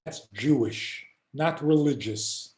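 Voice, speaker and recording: Over a video call, an older rabbi teaches and tells stories, animatedly acting out the voices of the people he quotes. His voice is mid-range and slow-paced, and the low-quality recording sounds reverberant.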